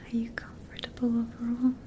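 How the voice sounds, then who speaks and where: A woman whispering softly as a flight attendant in an ASMR roleplay, checking in gently with the listener. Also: fairly high pitch, completely flat delivery. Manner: soft, slow whisper with frequent gentle check-ins.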